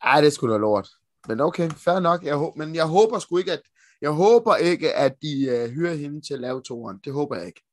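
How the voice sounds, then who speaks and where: A Danish man co-hosting a podcast in casual chat, excitable and swearing freely as he gushes about comic lore. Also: on the high side. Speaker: podcast co-host.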